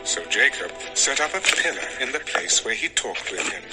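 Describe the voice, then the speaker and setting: In a dramatized audio style, a man narrates scripture with music running clearly beneath him. His medium-pitched voice rises and falls expressively, very animated yet still measured.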